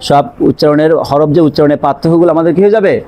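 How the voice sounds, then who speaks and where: Woman Quran teacher, syllable drills, call-and-response questions, mid-pitched voice, noisy recording. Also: mellow. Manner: repeats syllables drill-style and asks quick questions. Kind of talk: recitation lesson with call and response.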